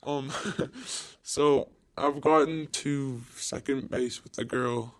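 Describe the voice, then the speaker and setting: Boy in a disguised, pitched-down voice. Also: steady tone. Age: 12, seventh grader. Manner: hesitant, halting, with nervous giggles. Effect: voice pitched down to a disguised deep voice. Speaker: anonymous student interviewee. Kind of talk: shy interview answers.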